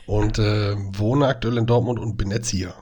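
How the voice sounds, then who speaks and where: Husky, low-voiced man in his thirties. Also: fairly even intonation, moderate pace, mellow. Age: 30s. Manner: dry, teasing short remarks. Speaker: podcast co-host. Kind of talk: casual chat.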